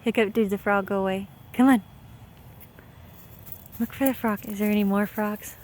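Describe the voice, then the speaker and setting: A woman's voice: mid-range voice, steady tone, normal speed, darkish tone, a little hiss or hum. A woman filming her dog outdoors at night on her phone, talking casually, squealing, laughing and scolding as she goes. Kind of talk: casual home video chat. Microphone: handheld phone.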